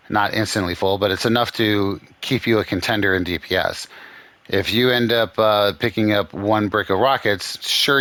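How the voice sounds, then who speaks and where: A man's voice: on the low side, pushed and bright, dry recording. A man hosting a gaming channel, ranting in sarcastic, profane commentary.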